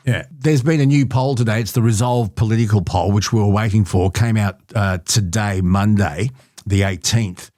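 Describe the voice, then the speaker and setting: A man's voice: fairly low pitch, moderate pace, warm tone, no echo, studio quality. An Australian man hosting a podcast, chatting wryly about politics in short bursts. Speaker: podcast host. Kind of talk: casual political chat.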